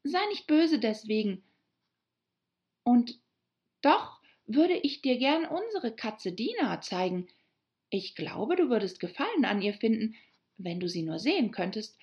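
A woman doing a high, eager young girl. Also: big pitch swings, measured pace, highs cut off. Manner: bright, eager, apologetic.

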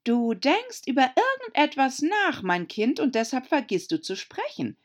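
A woman's voice: high voice, very animated, measured pace, pitched above the performer's own voice, full character voice. A woman voicing a fussy, moralizing old Duchess with a pompous, sing-song manner. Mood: preachy.

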